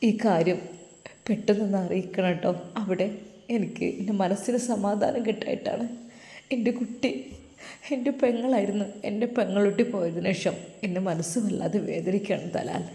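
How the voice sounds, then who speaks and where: Storybook role: a woman reading a heartbroken gentle brother, low-key and pleading, with long reverb. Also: moderate pace, gravelly, natural voice. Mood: tearful. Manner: soft, tearful, pleading. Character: grieving kind older brother figure, a man. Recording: echoey room with long reverb.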